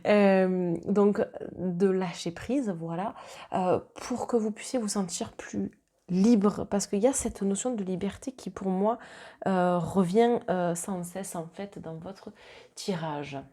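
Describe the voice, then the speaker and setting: A woman's voice: medium pitch, slow pace, dark tone. A woman with a Marseille accent giving a casual tarot reading, chatty and reassuring, with many fillers and restarts. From southern France. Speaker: tarot card reader.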